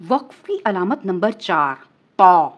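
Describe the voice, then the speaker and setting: Lively woman teaching Quran recitation. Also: medium pitch. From Pakistan. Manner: patient explaining, asks "ٹھیک ہے؟" often; recites verses slowly and drawn out. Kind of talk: recorded lesson on Quran stop marks. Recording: muffled lo-fi recording.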